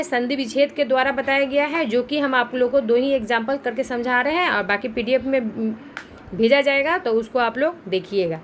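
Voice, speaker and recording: High-pitched woman teacher, Bihari Hindi accent, patient step-by-step lesson delivery, faint background hiss. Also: fairly bright tone. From India. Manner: patient step-by-step explaining, asks and answers own questions. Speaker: school teacher. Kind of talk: recorded Hindi grammar lesson.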